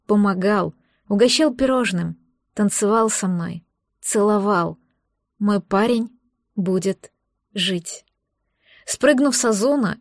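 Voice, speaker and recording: A woman narrating a fantasy audiobook in first person with an expressive, emotional reading. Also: a little high, no echo, clean studio sound.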